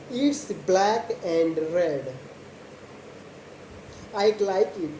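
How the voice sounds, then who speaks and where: A young woman, not a native English speaker, talking very slowly and deliberately in short simple phrases as a practice monologue for learners. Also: mid-range voice, dark tone. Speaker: host of a slow English speaking practice video. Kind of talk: slow spoken monologue about a daily routine for English learners. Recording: echoey room with faint background noise.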